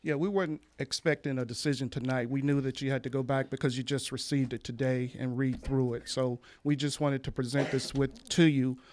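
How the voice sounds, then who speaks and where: A man's voice: medium pitch, fairly even intonation, a little fast, few pauses, darkish tone. A man, a pastor, earnestly addressing a town council meeting, repeating key phrases with some fillers. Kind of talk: public comment at council meeting.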